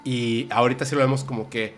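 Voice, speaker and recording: Over soft background music, a male podcast host with a Mexican accent tells lively stories about conversations with friends, quoting them in a casual chat. He speaks quickly at a medium pitch.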